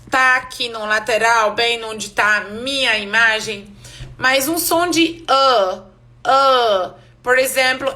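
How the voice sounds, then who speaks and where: A woman teaching an English pronunciation class live online, explaining slowly and repeating each word for her students. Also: a little high, bright, forceful tone.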